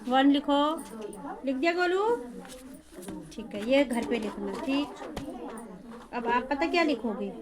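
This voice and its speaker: A woman with a high voice coaches a young pupil one-on-one, coaxing him along and asking the same simple questions again and again. Behind her, a room full of children chatters and clamors. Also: animated, takes it slowly, pauses often, a crowd in the background. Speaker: home tuition teacher. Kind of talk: one-on-one tutoring of a small child.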